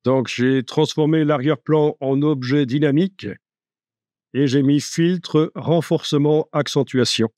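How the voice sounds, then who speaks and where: A man giving a live software tutorial, chatty and joking, thinking aloud as he works. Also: fairly high pitch, fairly even intonation, a little slow, no room sound. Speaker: software instructor.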